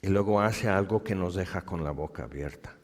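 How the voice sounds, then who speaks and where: A man's voice: sits low, a little fast. A man with a Mexican accent preaching a sermon at a convention, animatedly acting out the scenes of the story he tells. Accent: Mexican Spanish. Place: large hall. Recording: long hall reverb.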